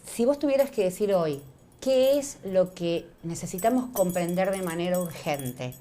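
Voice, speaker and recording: A woman with an Argentine accent hosts a political talk show, her voice sitting low for a woman. She asks questions reflectively and with care, in relaxed conversation around the table. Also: moderate pace. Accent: Argentine Spanish. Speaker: host. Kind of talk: radio talk show chat.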